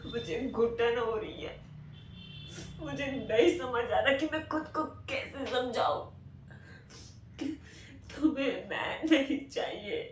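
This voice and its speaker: A woman auditioning as a heartbroken, rejected young woman, speaking in a pleading, halting, emotional way. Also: a little high, slight background noise. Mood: bitter. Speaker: actor auditioning. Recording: roomy, far from mic, faint ambience.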